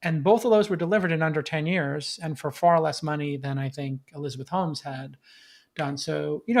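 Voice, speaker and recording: Tech bro guy doing startup podcast commentary, highish voice, lots of fry, hammers his points by repeating them. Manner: tech-bro talk full of startup jargon; emphatic, repeats phrases for stress. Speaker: podcast host. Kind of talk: off-the-cuff startup commentary to a live audience.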